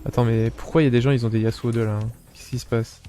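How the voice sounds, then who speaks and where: Belgian streamer, animated and sweary. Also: male voice, medium pitch, fast, soft background music. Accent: Belgian French. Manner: animated, swears often, talks straight to viewers. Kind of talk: casual gameplay commentary.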